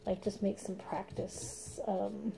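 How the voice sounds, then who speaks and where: Chatty woman with a dark, gravelly voice. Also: medium pitch, level tone, slow, low-quality recording. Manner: chatty, rambling, laughs often, drops to soft murmurs. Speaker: craft vlogger. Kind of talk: casual chat while painting.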